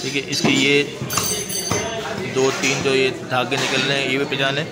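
A man with a Pakistani Urdu accent films a busy indoor fish market on a handheld phone for a walk-through vlog, explaining each fish and shouting to sellers for prices. His medium-pitched voice is completely flat and moderately paced. Loud music and a loud market crowd sit behind him.

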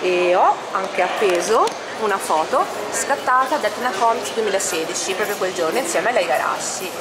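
A woman's voice: mid-range voice, lively intonation, moderate pace. A woman walking the camera through her own collector's display at a convention, listing items case by case with small hesitations. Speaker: collector showing her exhibit. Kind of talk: casual guided tour narration. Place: indoor convention hall stand. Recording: loud background noise of a public hall. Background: loud convention crowd ambience.

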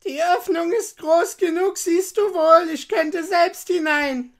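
Shrill wicked old witch. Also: fairly even intonation, takes it slowly, full character voice. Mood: scolding. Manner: shrill, shouting and mocking. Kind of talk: storybook reading.

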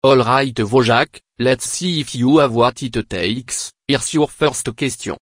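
A man's voice: medium pitch, takes it slowly, close to an everyday voice. A man voicing a pompous, mocking, foul-mouthed host of a cartoon parody game show. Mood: sneering showmanship.

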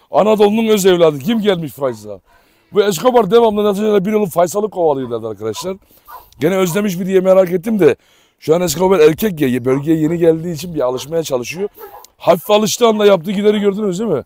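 A man's voice: sits high, expressive, a little fast, no room sound, studio quality. A man filming on his dog farm, chatting casually to viewers and calling commands to the dogs, with barking behind him. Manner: affectionate, shouts commands at dogs. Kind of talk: casual commentary while handling dogs.

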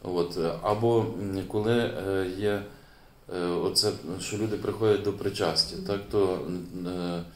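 A man's voice: sits low, fairly even intonation, unhurried, darkish tone, roomy sound. A man who is a priest, giving a sermon in a casual, explaining way, hesitating often with fillers and restarts. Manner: hesitant, many fillers and restarts, chuckles now and then.

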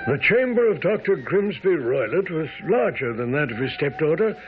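Earnest doctor sidekick in a radio mystery, high lively voice, tinny sound. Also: male voice, moderate pace. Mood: scene-setting. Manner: earnest, descriptive. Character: earnest, puzzled doctor, the detective's companion and storyteller. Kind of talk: radio drama narration and dialogue. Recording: tinny radio drama over loud music.

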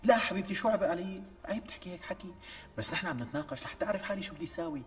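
A young Damascene husband worn down by his wife's demands, exasperated and protesting. He talks very fast. The sound is distant, with faint music behind. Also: high voice, expressive. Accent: Syrian, Damascene. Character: harried young husband, boutique owner, short of money. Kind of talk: TV sketch acting.

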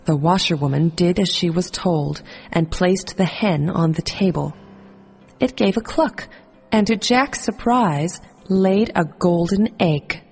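A woman narrating a children's fairy tale in a calm, measured storytelling manner. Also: fairly low pitch, breathy edge, long reverb tail, soft background music.

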